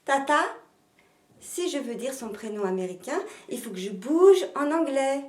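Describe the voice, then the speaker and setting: Lively teacher in an echoey room. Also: female voice, sits high, moderate pace. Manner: demonstrative, rhythmic, sounding out syllables. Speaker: language teacher. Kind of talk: pronunciation lesson.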